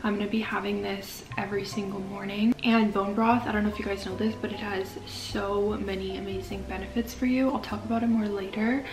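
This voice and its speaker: A woman's voice: medium pitch, little pitch movement, brisk, few pauses, music in the background, low-quality recording. A woman in her twenties talking casually to camera in an informal vlog style, sprinkling in lots of filler "like". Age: 20s. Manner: informal, with frequent use of "like". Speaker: vlogger. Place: small rooms at home, later a parked car.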